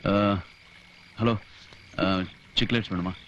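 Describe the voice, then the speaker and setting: A young actor playing a film hero, talking in teasing, easygoing banter in a comedy scene. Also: male voice, on the low side, fairly even intonation, slow pace, fairly bright tone, highs cut off, slight background noise.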